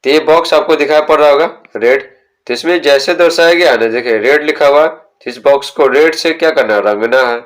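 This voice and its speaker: Male teacher explaining a textbook, reads English lines slowly, asks and answers his own questions. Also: on the high side. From India. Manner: slow, deliberate reading of English sentences, then explaining them; asks the students questions and answers them himself.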